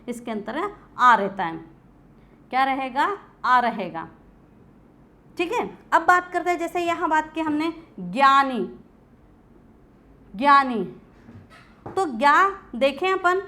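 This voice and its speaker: A woman's voice: high voice, sharp tone. A woman teacher giving a classroom grammar lecture, asking questions and answering them herself. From India. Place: coaching class.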